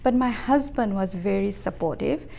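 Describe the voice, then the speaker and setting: A woman in her fifties from Fiji, an executive answering interview questions in a measured, thoughtful way with frequent hesitations. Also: mid-range voice, animated, gravelly, dark tone. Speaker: interview guest, business executive.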